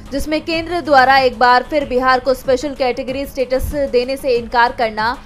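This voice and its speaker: A woman reporter reading a scripted voice-over for a breaking news report. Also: high-pitched.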